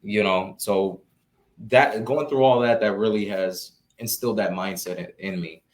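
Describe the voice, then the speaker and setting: A young man from Florida chats easily as an interview guest, his voice sitting a little low. He keeps things loose and conversational, often leaning on "you know" and starting sentences over. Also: normal speed. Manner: relaxed, peppered with "you know" and restarts. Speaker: guest, real estate investor. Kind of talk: casual live Q&A chat.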